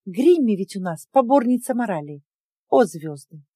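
A woman narrating a first-person audiobook in an expressive, emotional storytelling manner. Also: mid-range voice, moderate pace, no echo, clean studio sound, soft background music.

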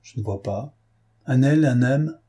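A man's voice: medium pitch, measured pace, dark tone, pitched above the performer's own voice, lightly acted. A man reading an audiobook, voicing a shaken old male witness who hesitates and repeats himself. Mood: puzzled.

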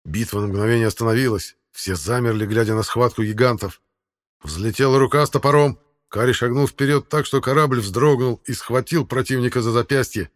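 A man reading an audiobook in a steady, measured way. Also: medium pitch. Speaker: audiobook narrator. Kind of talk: scripted audiobook narration.

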